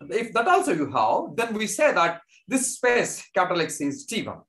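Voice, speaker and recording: Male lecturer, Indian accent, animated intonation, halting dictation-like delivery with repeated phrases. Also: high voice. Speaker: mathematics lecturer. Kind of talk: unscripted math lecture.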